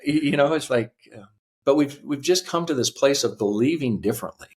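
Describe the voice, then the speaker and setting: A man in his fifties, a podcast guest telling his life story earnestly, halting with fillers. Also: mid-range voice, lively intonation. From United States. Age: 50s. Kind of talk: reflective personal storytelling.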